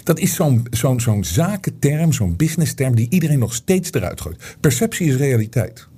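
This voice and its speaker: A middle-aged man hosting his own online show, talking straight to his viewers in a loose, rambling monologue full of fillers and restarts that grows animated when he argues a point. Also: mid-range voice, normal speed, husky.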